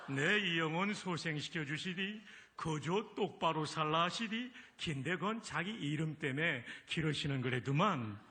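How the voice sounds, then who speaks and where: A man voicing a psalm reciter in a put-on Pyongan dialect, slow, folksy and emphatic. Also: a little high, pushed and bright, pitched above the performer's own voice, full character voice.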